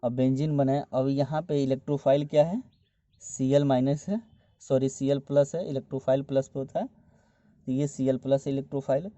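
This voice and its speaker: Dark-voiced man teaching chemistry. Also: mid-range voice, steady tone, normal speed, dry recording. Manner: explains step by step, repeating key terms. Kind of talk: whiteboard lesson explanation. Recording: dull, dry lo-fi recording.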